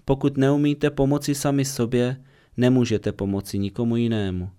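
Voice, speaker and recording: A man giving a calm, measured voice-over reading of a meditation teacher's spiritual talk, steady and earnest. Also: medium pitch, smooth.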